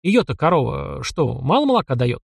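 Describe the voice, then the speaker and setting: A man's voice: medium pitch, sing-song, moderate pace, gravelly, breathy edge, dry recording, clean studio sound, heavily acted. A man voicing a wounded young village man who speaks bluntly and matter-of-factly.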